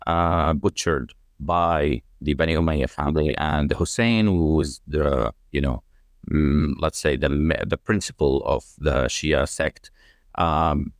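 A man speaking as a podcast guest, explaining at length in a measured way, with frequent fillers and restarts. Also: a bass voice, no echo, clean studio sound. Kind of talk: conversational explanation.

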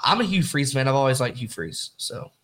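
A man co-hosting a casual sports podcast, animated and emphatic, often repeating himself. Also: mid-range voice, fairly quick, slight background noise. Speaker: podcast co-host.

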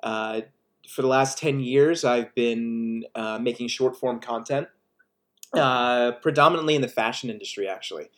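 A man's voice: medium pitch, moderate pace. Laid-back male filmmaker guest. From United States. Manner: relaxed, self-deprecating humor. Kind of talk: casual video-call interview.

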